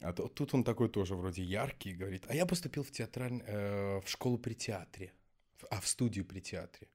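A man's voice: on the low side, animated, a little fast, darkish tone. A man with a slushy lisp, his s sounds leaning toward sh, chatting casually as the guest in a podcast interview. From Belarus. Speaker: guest, actor and acting teacher.

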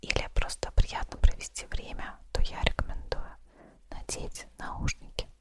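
A podcast host telling stories in a soft, relaxing ASMR whisper, close to the microphone. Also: normal speed.

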